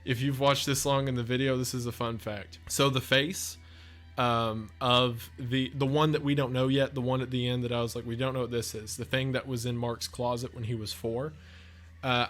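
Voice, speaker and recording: This man, a video essay creator and narrator, offers casual off-the-cuff commentary in a mid-range voice with a fairly bright tone. He comes across as chatty, effusive and enthusiastic.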